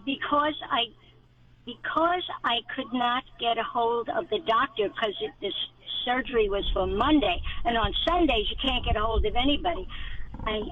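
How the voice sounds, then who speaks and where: A woman's voice: fairly high pitch, dry recording. Woman on a clipped phone line. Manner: rambling, piles on details. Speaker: caller to a radio advice show. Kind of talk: call-in radio talk. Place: inside a car. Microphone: phone in a car.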